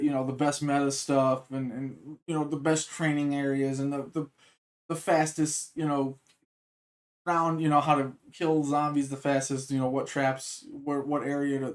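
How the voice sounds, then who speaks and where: A man rambling casually as he sets up a reaction to a video, with many fillers and restarts. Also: mid-range voice. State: hiccups. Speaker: reaction streamer.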